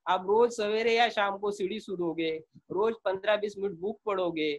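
A middle-aged man giving an informal sales training talk, telling a story in a calm, conversational way, often repeating himself and dropping in English phrases. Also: high-pitched, normal speed, a little hiss or hum. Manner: calm, repeats words, many filler sounds.

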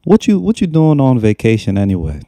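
A young man with a very dark, mellow voice gives casual reaction commentary, mocking and exasperated and saying the same thing again and again. He speaks into a desk microphone in a small room, and the sound is dry and close. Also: medium pitch, huge pitch swings, brisk, no room sound. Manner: mocking, exasperated, repeats himself. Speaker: reaction video host. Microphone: desk microphone on a stand.

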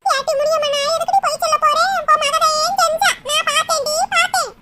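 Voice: very high voice, fairly even intonation, fast talker. A voice actor playing a nosy, gossipy old village woman in a cartoon. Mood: insistent. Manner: insistent, gossipy. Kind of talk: cartoon dub acting. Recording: loud background noise.

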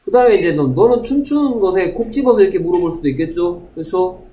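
Brisk male English teacher in a roomy classroom. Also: high voice, expressive, noisy background. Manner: brisk, keeps checking with the class, reads English examples slowly. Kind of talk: classroom grammar lecture.

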